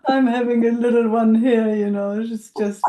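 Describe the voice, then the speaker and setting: A woman on a video call, speaking quietly and soothingly as a supportive coach. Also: on the high side, level tone, normal speed, poor audio. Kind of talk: gentle supportive talk.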